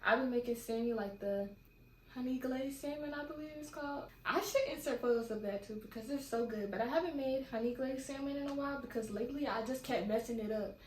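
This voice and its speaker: Talking briskly in a high voice, a young woman from California meanders through a casual Q&A vlog filmed at home. Her room is echoey, and faint background noise can be heard.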